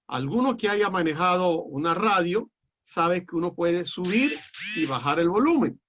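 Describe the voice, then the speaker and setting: A middle-aged man with a Peruvian accent lecturing a class in a measured, explanatory way, often pausing on "eh". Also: high-pitched, a bit bright. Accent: Peruvian Spanish. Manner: measured and explanatory, with frequent "eh" fillers and restarts. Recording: dull lo-fi audio.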